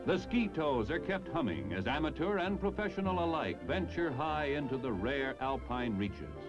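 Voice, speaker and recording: This is scripted 1950s-60s military newsreel narration by an American man with a slightly high, sing-song voice. He speaks at a moderate pace in a jaunty, polished announcer style over music, and the old film soundtrack has its highs cut off.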